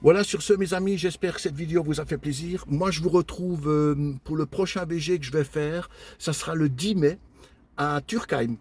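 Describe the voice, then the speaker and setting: An older man in a casual show-and-tell vlog, calmly listing his flea-market finds one by one with many pauses and fillers, and chatting warmly with his viewers. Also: fairly high pitch, slightly rough. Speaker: flea-market collector vlogger.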